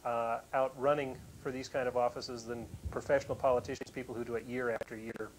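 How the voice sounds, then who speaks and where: A man's voice: mid-range voice, little pitch movement, a little fast, slight background noise, rough recording. Earnest guy running for office, plain talk, mid voice. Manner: earnest, self-conscious laughs. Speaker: political challenger, interviewee. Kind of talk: live remote interview.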